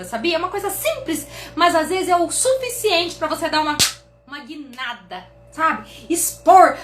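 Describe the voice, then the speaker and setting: A woman's voice: high voice, pushed and bright, slight background noise. A woman psychologist with a Brazilian accent giving an emphatic, blunt motivational live stream talk and repeating her commands. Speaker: psychologist and business consultant. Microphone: phone mic. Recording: roomy live stream audio.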